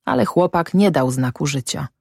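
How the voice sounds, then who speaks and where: A woman reads a literary story aloud in a steady, measured way. Her voice sits on the low side and sounds dry and close. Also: creaky, breathy edge, dry recording. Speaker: audiobook reader. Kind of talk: scripted narration.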